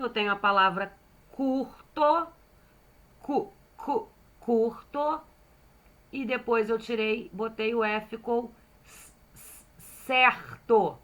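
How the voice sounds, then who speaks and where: This primary school teacher, a woman with a Brazilian Portuguese accent, has a mid-range voice that sounds pushed and bright. She takes young children through phonics at a slow, patient pace, sounding out syllables and checking in frequently with "certo?"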